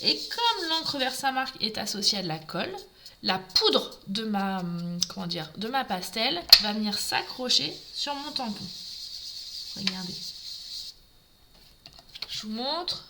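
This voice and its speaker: A woman's voice: fairly high pitch, big pitch swings, measured pace, pauses often, very noisy. Chatty woman demonstrating crafts live. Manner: chatty, greets live viewers while demonstrating; talks through each step as she works.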